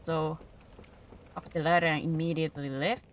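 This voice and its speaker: A woman with a Finnish accent who rolls her R's, chatting in an animated, rambling, self-deprecating way while commentating her gameplay. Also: low voice, moderate pace, a little hiss or hum. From Finland. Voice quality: rolled R's. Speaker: video game streamer. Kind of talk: casual gameplay commentary to viewers.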